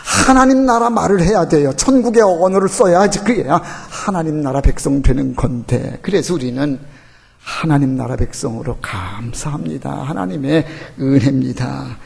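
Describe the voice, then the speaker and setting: A male pastor preaching a Sunday sermon, emphatic, swinging between forceful rises and hushed, quiet lines. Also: a little high, normal speed, vocal fry, husky. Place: church sanctuary.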